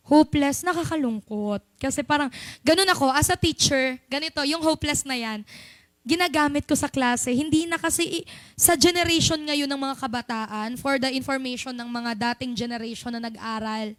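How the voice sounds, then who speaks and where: A woman's voice: sits high, no echo. A young Filipino woman giving a chatty, playful sermon in church, mixing in English. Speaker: church speaker.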